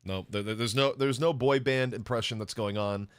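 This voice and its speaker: A man co-casting an esports stream in casual chat, joking and telling animated stories. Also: mid-range voice, moderate pace, smooth, no echo, studio quality.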